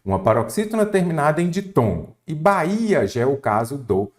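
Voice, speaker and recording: A man's voice: fairly high pitch, very animated, normal speed. A man teaching a grammar lesson for exam candidates, asking the student rhetorical questions and listing example words one by one. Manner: didactic, addresses the student directly with rhetorical questions.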